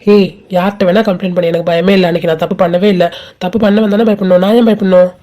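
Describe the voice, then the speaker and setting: A woman's voice: on the low side, steady tone, fast talker, warm tone, natural voice. A woman voicing a sneering cocky college guy. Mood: mocking. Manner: sneering, teasing. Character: cocky mocking young college man. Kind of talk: amateur animated cartoon dub.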